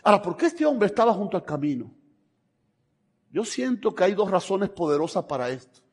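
A fervent male preacher whose voice sits very high for a man. He swings between hushed asides and loud appeals to his listeners. A long reverb hangs on his words, as in a large hall. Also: big pitch swings, a little fast, breathy edge. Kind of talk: sermon.

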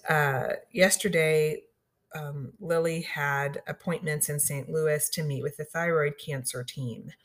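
A middle-aged woman from Southeast Missouri telling personal stories casually on the radio, with lots of ums and you-knows and the odd laugh. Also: deep voice. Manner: chatty, frequent ums and you-knows, laughs through lines. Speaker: radio show regular sharing stories.

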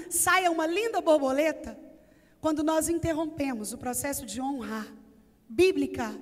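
High-voiced Brazilian woman preaching in an echoey church. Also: fairly bright tone. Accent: Brazilian Portuguese. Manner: earnest, builds emphasis through lists and repetition. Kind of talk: sermon. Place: church sanctuary.

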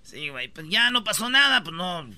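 A man hosting a comedic radio show, loud and joking in slangy banter. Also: sits high, sing-song, moderate pace.

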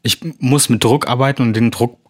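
A man's voice: medium pitch, a little fast. Actor guy rambling in a chill chat, lots of ums, middle voice. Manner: relaxed, rambling with many fillers. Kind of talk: casual chat.

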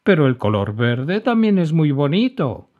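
A man's voice: fairly high pitch, very animated, unhurried, voice pushed up. A man voicing a cheerful, kind young girl who can do magic, in an eager, exclamatory storybook manner. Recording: dull lo-fi recording.

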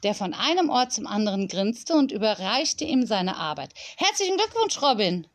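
A woman narrating a children's storybook with an expressive read-aloud delivery. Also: medium pitch, normal speed. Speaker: audiobook narrator.

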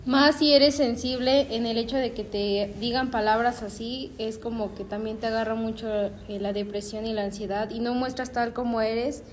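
A woman adds a soft comment to the panel talk, her voice a little high. She sounds distant from the microphone. Faint noise sits behind her. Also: steady tone, normal speed, hardly any pauses.

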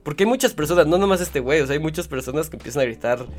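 A man's voice: a little high, expressive, very fast, soft background music. A man with a Mexican accent hosting a podcast, reading listener stories aloud and rambling in a joking, self-mocking way. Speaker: podcast host.

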